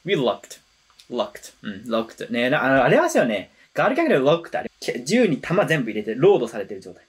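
A woman hosting a reaction video, chatting casually and explaining song lyrics in an animated, talkative way. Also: extremely low pitch, racing, slightly rough. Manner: chatty, animated, switches between explanation and excited comments.

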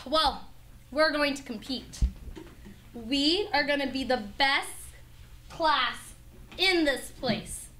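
A woman's voice: high voice, takes it slowly, long pauses, sharp tone, exaggerated voice. A young woman playing an intense, bossy, competitive schoolteacher in amateur scripted school comedy, with a commanding theatrical manner. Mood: bossy, fired up. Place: school classroom. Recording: noisy classroom camera sound.

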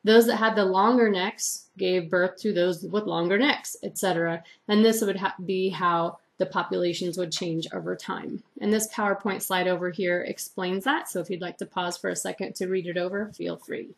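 A woman's voice: fairly low pitch, steady tone, normal speed, creaky, few pauses. A woman teacher giving a recorded lecture, reading largely from her own typed notes in an explanatory way.

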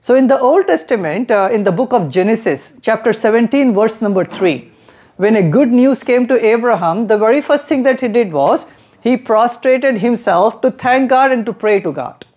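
A man's voice: extremely high pitch, lively intonation, moderate pace, a little mellow. A young man from India, guiding visitors at a mosque and explaining to them in a friendly, explanatory way, often laughing. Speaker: mosque guide and educator. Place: mosque hallway, then classroom.

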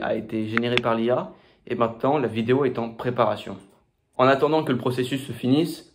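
French-speaking man giving a casual software tutorial. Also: medium pitch. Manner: casual, with many fillers and restarts. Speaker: tutorial host. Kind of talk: screen-recorded software tutorial.

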